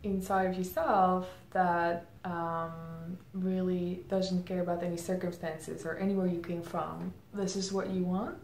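With frequent "um"s and thoughtful pauses, a Czech marketing head gives reflective answers as an interview guest. Her lowish voice is a little mellow, with a flat delivery. She's filmed indoors against a plain grey backdrop, and the recording has a roomy echo and faint ambient noise.

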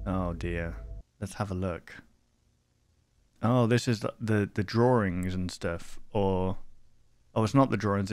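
This reaction-video host, a man in his twenties, sounds on the low side as he casually comments and reads text off the screen from a small indoor room at home. There's no room sound, though background noise is clearly audible.

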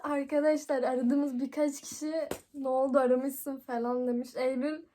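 A woman's voice: sits high, little pitch movement, normal speed, dark tone, a little hiss or hum. A young woman hosting a video and chatting casually to viewers. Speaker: prank video host. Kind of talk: casual vlog chat.

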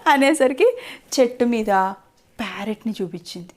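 A woman, a mother, telling a children's story in a playful, sing-song, animated way. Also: a little high, normal speed.

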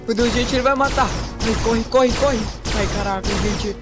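A young Brazilian guy playing a game talks in a very high voice, frantic and whiny. He keeps repeating the same words over and over, and loud game music plays clearly behind him. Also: normal speed. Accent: Brazilian Portuguese. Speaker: gaming guest. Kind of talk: panicked gameplay role-play. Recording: background music under voice.

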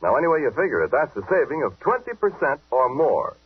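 A man's voice: a little high, big pitch swings, quick pace, slightly rough. A man announcing a commercial in the chummy, persuasive patter of an old 1940s radio broadcast. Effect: old 1940s radio broadcast sound. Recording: tinny, phone-narrow 1940s radio recording.

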